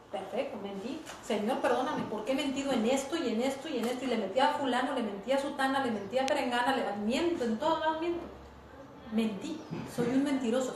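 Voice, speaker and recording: A woman teaching a church class, often checking that her listeners follow along. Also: sits high. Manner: lively, asks the room for agreement. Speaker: Bible teacher. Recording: very echoey room, faint hiss.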